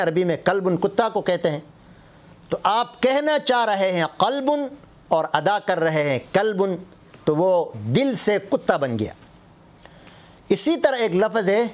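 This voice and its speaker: A middle-aged man, a mufti, giving a religious lesson on correct Quran recitation, patiently explaining with contrasting word examples. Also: high-pitched. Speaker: mufti teaching Islamic rulings.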